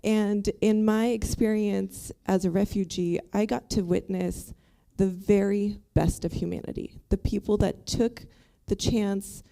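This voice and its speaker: A woman's voice: medium pitch, fairly even intonation, unhurried, vocal fry, warm tone, clear, resonant tone. A woman in her thirties from Bosnia, a panel guest telling her personal faith story in an earnest, slightly nervous way. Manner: earnest, a bit nervous, with ums. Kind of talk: personal testimony.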